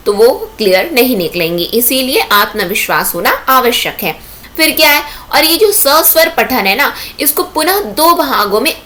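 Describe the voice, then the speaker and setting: A woman's voice: fairly high pitch, sharp tone. A woman teaching an exam-prep lecture, explaining step by step and asking herself rhetorical questions.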